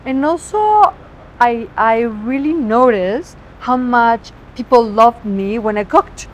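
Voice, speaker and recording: A chef and guest, a native Spanish speaker with a Mexican accent, talks expressively on a city street outdoors, now and then searching for words. Her voice sits on the high side and she speaks slowly, on poor audio with a little hiss or hum.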